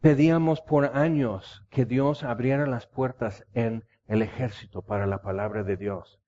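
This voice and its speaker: A man's voice: mid-range voice, steady tone, measured pace, warm tone. A man preaching a sermon, telling stories with passion. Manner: impassioned storytelling preaching. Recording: dull lo-fi recording.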